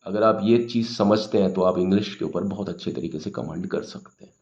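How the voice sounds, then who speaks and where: A man's voice: low-pitched, a little fast, darkish tone. A man teaching an English grammar lesson, explaining patiently, repeating his points and often checking in with the listener. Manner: patient, repetitive explaining with frequent "ठीक है" check-ins. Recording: echoey room, dull lo-fi sound.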